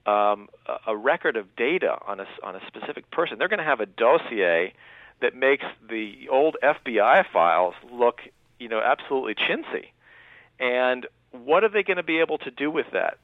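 Thirties male guest, earnest and halting, tinny phone-line audio, dry. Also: mid-range voice, lively intonation, no room sound. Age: 30s. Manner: earnest, full of restarts and filler. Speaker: guest, newspaper writer. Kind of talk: radio interview, explaining. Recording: thin phone-line sound.

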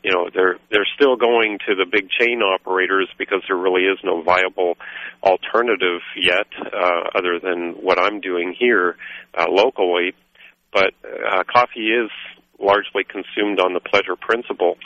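Deep-voiced man from Guatemala, rambling. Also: fairly even intonation, no echo. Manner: rambling, halting, full of fillers. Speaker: coffee roaster, guest. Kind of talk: radio interview. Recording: dull lo-fi radio sound.

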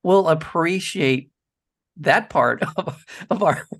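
A man's voice: fairly high pitch, slow, fairly bright tone. Man hosting a film radio interview. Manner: enthusiastic, thinks aloud with restarts. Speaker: radio show host.

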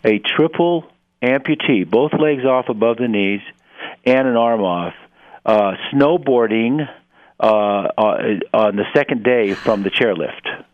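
A man in his sixties explaining things as a radio interview guest, speaking haltingly with many pauses and repeated words. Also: mid-range voice, no room sound, muffled recording. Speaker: interview guest, head of an adaptive sports organization.

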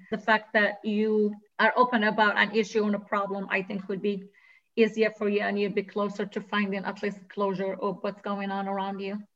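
A woman's voice: mid-range voice, fairly bright tone, muffled recording. A woman from Morocco with a Moroccan accent, speaking earnestly as a radio interview guest, with many hesitations and restarts.

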